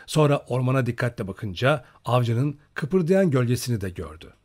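A man reading an audiobook in a steady storytelling manner. His pitch sits in the middle range but moves a lot. He takes the long descriptive passages at an even pace. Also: slightly rough. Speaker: narrator. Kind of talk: audiobook narration.

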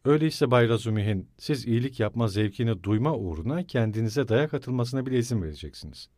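Weary bitter young guy, low and slow and fed up, man reading it in a dry audiobook voice. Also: expressive, darkish tone, no echo, natural voice. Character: feverish embittered young man, weary and resentful.

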